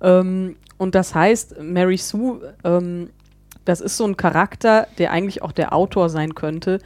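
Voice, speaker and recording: A woman hosting a casual podcast, playful and quick to laugh, steering the talk with questions. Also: lowish voice, a little mellow, no room sound. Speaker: podcast host.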